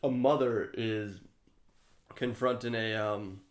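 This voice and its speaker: A man's voice: on the low side, steady tone, slow pace. A man brainstorming a story in casual chat, rambling and loose, filling his talk with "like" and "you know". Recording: roomy echo.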